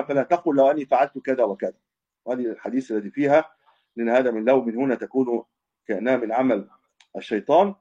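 A man's voice: medium pitch, dark tone, breathy edge. A man teaching a religious lesson as a scholar, explaining hadith and often restating and correcting himself. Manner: explanatory, repeats and restates points, self-corrects. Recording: dull lo-fi recording.

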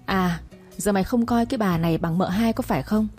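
A woman's voice: a little fast, a little mellow, faint music behind, natural voice. A woman voicing a cruel, domineering older matriarch who scolds and sneers in a storybook reading. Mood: scolding. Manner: scolding, shrill and scornful.

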